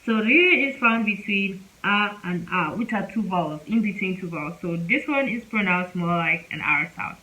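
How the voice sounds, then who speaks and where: A woman teaching a casual spoken lesson, speaking slowly and repeating example words several times. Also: medium pitch, lively intonation, pushed and bright, rough recording. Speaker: Korean language teacher.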